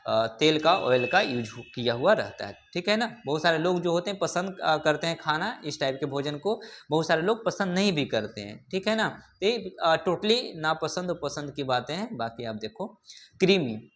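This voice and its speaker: A man teaching English vocabulary in a classroom lesson. He keeps asking his students questions, says "ठीक है" often, and repeats each word slowly. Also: a little high, animated, a bit bright, a little hiss or hum. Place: classroom with a board.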